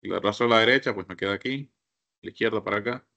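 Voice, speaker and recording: A man's voice: fairly low pitch, rapid-fire, creaky, pushed and bright, lo-fi sound. A man teaching a computer course, walking his class through each step and often asking them to look. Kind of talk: screen-share software lesson.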